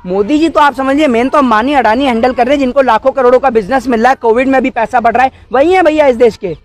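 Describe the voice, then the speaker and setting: A man in his 20s argues indignantly about politics in a street interview outdoors by a wall, firing off rhetorical questions. His voice is very high and quick. A cluster of handheld news mics is held close.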